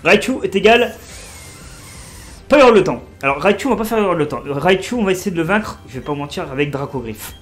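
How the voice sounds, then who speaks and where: A man in his twenties giving casual, excitable commentary while playing a video game and talking to his viewers. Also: sits high, a little fast, soft background music. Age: 20s. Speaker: let's play streamer.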